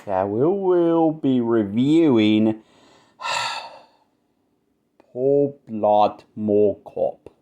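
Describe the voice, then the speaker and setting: A man drawls slowly through a comedic introduction, his words slurred as though he were drunk. His voice is dark and mellow. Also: medium pitch, highs cut off. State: acting drunk. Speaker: film reviewer.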